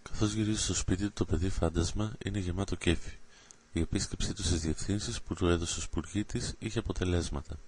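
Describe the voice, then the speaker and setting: A man reads an adventure story aloud in a very low voice. His delivery is steady and dramatic. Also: breathy edge. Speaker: narrator.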